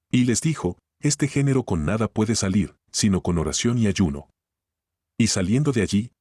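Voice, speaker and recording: A low-voiced man reads scripture aloud in short, even phrases. His tone has a dry, close sound with little room around it. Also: husky, dry recording. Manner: steady, measured reading in short phrases. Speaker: Bible reader.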